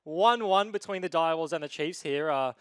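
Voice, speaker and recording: A man's voice: fairly high pitch, brisk, a bit bright, clear, resonant tone, no room sound, studio quality. A man giving casual esports commentary and analysis as a caster, informal and chatty in his delivery.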